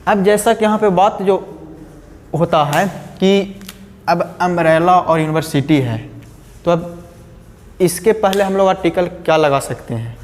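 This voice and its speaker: A man's voice: high-pitched, unhurried, long pauses. A male teacher, giving a grammar lesson step by step and often asking his students questions. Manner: explains step by step, repeats key words, asks the class questions. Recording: long hall reverb.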